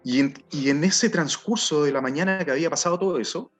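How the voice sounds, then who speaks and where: A middle-aged Chilean man telling his personal testimony in an earnest, halting way, often repeating words as he searches for them. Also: on the high side. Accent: Chilean Spanish. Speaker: testimony speaker. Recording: dull sound with faint music behind.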